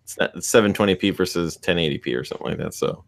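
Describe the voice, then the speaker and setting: A man talks through a casual video call, wandering through his point with restarts and fillers. His voice sits a little low. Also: rapid-fire. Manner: rambling, many restarts and fillers.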